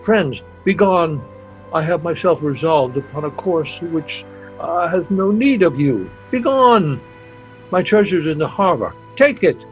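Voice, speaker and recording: In an amateur Shakespeare read-aloud over a video call, a man plays a despairing, shamed older general, grey-flecked and self-reproaching, reading haltingly and stumbling, with exclamations. His slow, higher-pitched, expressive voice sounds anguished yet commanding. The dull lo-fi call carries faint music.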